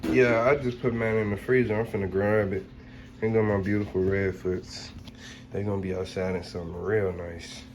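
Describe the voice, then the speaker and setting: Casting: American male animal vlogger, slangy casual talk, slightly low voice, noisy on-location recording. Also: fairly even intonation, normal speed, darkish tone. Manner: informal, slangy, addresses viewers directly. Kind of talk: casual vlog chat to viewers. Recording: noisy on-location handheld vlog audio.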